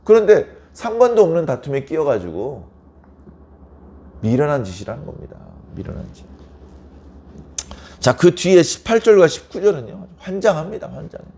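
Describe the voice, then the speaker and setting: Animated, mellow-voiced male pastor preaching. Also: fairly high pitch, moderate pace, vocal fry, long pauses, a little hiss or hum. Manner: conversational, asks the congregation rhetorical questions; acts out everyday quarrels in lively voices. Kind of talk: early-morning sermon.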